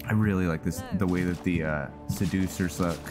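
A deep-voiced man plays a game and talks through it at a moderate pace with fairly even intonation, game music running underneath. The commentary is casual, full of spoken thoughts and mild exclamations.

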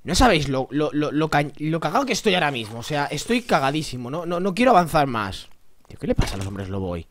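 A young man from Spain with a Spanish accent, giving excitable, jumpy let's play commentary while talking to himself and his viewers. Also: a little high, fast talker, no room sound. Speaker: gamer.

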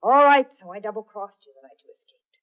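A woman's voice: medium pitch, fast. An actress playing a hunted, desperate woman who narrates her own story in a 1940s radio drama, heard through an old AM radio broadcast. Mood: frightened. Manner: tense first-person storytelling. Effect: old AM radio broadcast sound. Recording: muffled 1940s AM radio broadcast with faint music.

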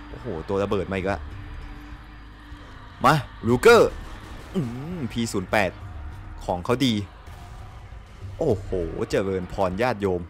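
A young man with a Thai accent giving excitable gameplay commentary. He laughs often and swears mildly. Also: on the low side. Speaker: gameplay streamer. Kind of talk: casual let's-play commentary.

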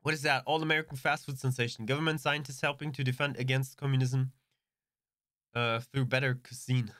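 A man streaming a video game live, giving relaxed commentary with chuckling asides into a desk mic. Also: medium pitch, a little fast, no room sound, studio quality.

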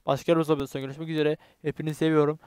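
A man's voice: on the high side, rapid-fire, clear, resonant tone, no echo, clean studio sound. A young man commentating his own shooter gameplay, swearing and joking with teammates and pleading with viewers to subscribe. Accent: Turkish. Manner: excitable, swearing, jokey banter with teammates. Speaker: gaming YouTuber.

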